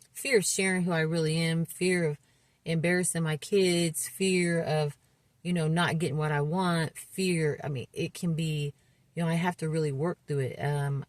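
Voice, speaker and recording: A woman in her mid-fifties talks frankly about her life in a low, grounded voice. She speaks earnestly and haltingly, often restarting her sentences. The sound is close and dry, with no room around it. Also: no echo. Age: 50s. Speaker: recovery vlogger. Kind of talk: candid personal testimony.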